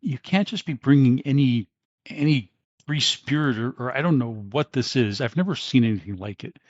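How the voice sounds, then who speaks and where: A man's voice: medium pitch, lively intonation, normal speed, no room sound, highs cut off, lightly acted. Man doing a flustered, dignified old mage. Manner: hesitant, polite, awkward.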